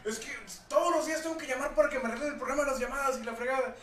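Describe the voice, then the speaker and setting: Casting: shrill, exasperated older-sounding lady caller, put on by a man, high and loud, roomy sound. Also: racing, distant mic, a little hiss or hum. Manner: exasperated, repeats herself. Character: shrill angry middle-aged woman caller.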